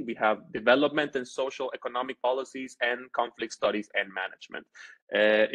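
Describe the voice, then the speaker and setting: A man's voice: medium pitch, fairly bright tone. A young man from Honduras giving a loose, informal webinar presentation over a video call, full of fillers and restarts. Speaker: marketing coordinator.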